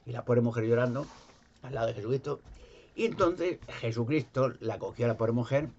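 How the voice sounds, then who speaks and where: A man's voice: medium pitch, brisk, a little mellow, lo-fi sound, slight background noise. A man with a Spain Spanish accent retelling a gospel story in a rambling, repetitive, folksy way. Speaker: religious storyteller. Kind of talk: casual retelling of a Bible story.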